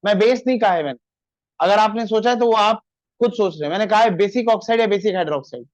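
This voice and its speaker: A male chemistry teacher lecturing a class, slowly dictating formulas and telling students to stop chatting. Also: high voice, no room sound, rough recording.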